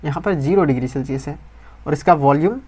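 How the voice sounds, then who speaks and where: A man's voice: a little high, quick pace, a little mellow, husky. A man teaching a physics lecture, who keeps asking questions and answering them himself and repeats key phrases.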